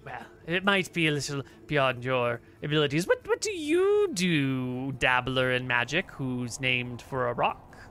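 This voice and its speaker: A man's voice: mid-range voice, very animated, measured pace, few pauses, a bit bright. A man voicing an ambitious, haughty female sorcerer in a tabletop game, speaking in a grandiose, condescending manner.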